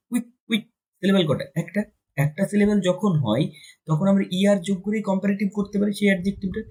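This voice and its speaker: A man's voice: sits high, a little mellow, husky, rough recording. A man teaching an exam-prep grammar lesson, explaining step by step, asking and answering his own questions. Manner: switches between Bengali and slowly dictated English. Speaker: English teacher.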